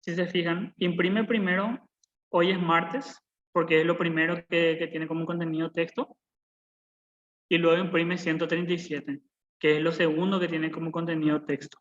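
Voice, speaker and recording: A man's voice: fairly high pitch, level tone, moderate pace, fairly bright tone, dull audio. A young man in his twenties teaching a live online programming class, patient and repetitive, often checking in with his students. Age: 20s. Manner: patient, repeats points, checks in with "¿verdad?". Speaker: programming instructor. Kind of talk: live online coding lesson. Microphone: video call.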